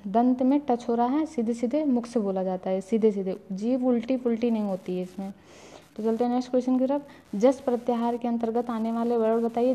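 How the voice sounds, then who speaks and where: A woman teaching an online exam-prep class, slowly sounding out syllables for viewers to repeat and calling them friends. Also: fairly high pitch, dark tone. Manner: drawn-out sounds modelled for repeating.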